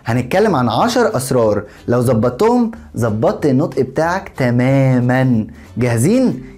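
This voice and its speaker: Man, Egyptian Arabic accent, pronunciation teacher, animated, echoey room. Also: medium pitch. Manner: energetic, repeats words slowly and checks with "okay?". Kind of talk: online lesson, modelling word pronunciation.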